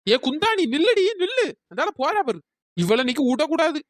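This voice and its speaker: A woman voicing a hot-tempered, argumentative village woman who shouts insults in a cartoon. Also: high voice, rapid-fire, no echo, clean studio sound. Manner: loud, abusive, argumentative. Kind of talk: cartoon voice acting.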